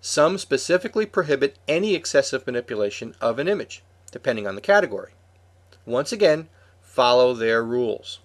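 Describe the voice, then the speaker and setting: A man's voice: mid-range voice, big pitch swings, a little fast. A man co-hosting a podcast, reading a prepared script in an explanatory way. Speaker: podcast co-host.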